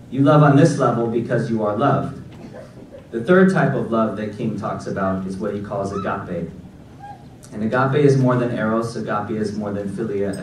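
A man in his forties gives a graduation keynote from a podium in a large auditorium. His voice sits a little low, and his delivery is measured and deliberate, read from a prepared text. The recording is strongly echoey and picked up from far back in the hall, with faint room noise. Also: darkish tone. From Los Angeles, United States. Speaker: keynote speaker. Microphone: podium mic, recorded by a far audience camera.

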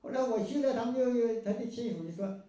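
A man's voice: very high voice, fairly quick. A man with a Northeastern Mandarin accent giving a folksy moral lecture, telling stories with homespun liveliness. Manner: homespun and lively, acting out dialogue. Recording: very echoey room, mic far off.

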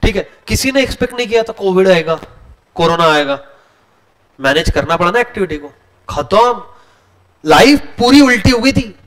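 A young man, teaching a class in a casual, joking way, telling stories and mixing in English. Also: sits high. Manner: joking, storytelling, mixes Hindi and English.

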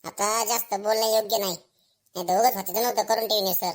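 A woman's voice: medium pitch, steady tone, brisk, pitched below the performer's own voice, natural voice. A woman voicing a blustering schoolboy who gets to be teacher for a day, in a village comedy skit, full of cheeky asides to himself. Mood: sheepish. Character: brash boastful schoolboy made teacher for a day, male.

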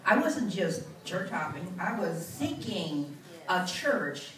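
A woman's voice: lowish voice, big pitch swings, takes it slowly, background noise. An older woman minister giving a heartfelt testimony at a church pulpit on a handheld mic, earnest and rising into fervent bursts. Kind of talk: testimony speech. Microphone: handheld mic, far camera. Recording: roomy church sound from far off.

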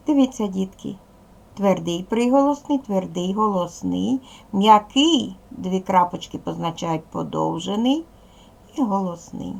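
A woman teacher with a Ukrainian accent, giving a slow and clear lesson to young pupils and spelling out sounds one by one. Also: medium pitch. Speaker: primary school teacher. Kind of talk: slow, clear classroom instruction.

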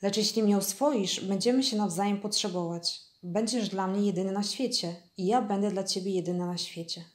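Woman reading as a gentle lonely storybook fox, slow soft delivery, roomy echo. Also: medium pitch, close to an everyday voice. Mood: wistful. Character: wistful lonely fox, male, small, gentle. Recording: echoey room.

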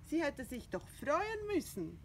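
Slow expressive woman reading a storybook. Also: high-pitched, a little hiss or hum. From Switzerland. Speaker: kindergarten teacher. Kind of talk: reading a children's storybook aloud.

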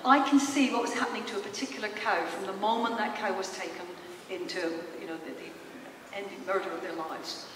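In a brisk, medium-pitched voice with fairly even intonation, a psychologist in her fifties presents an informal storytelling talk before the stage of a large theatre, questioning her audience. The sound, from a handheld mic through the PA caught by a distant camera, is echoey, remote and noisy.

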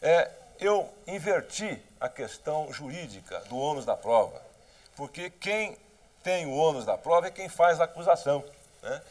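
A man's voice: on the high side, very animated, moderate pace, a little mellow. A middle-aged man with a Brazilian accent, a political candidate answering questions defensively and emphatically in a heated televised debate. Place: television studio.

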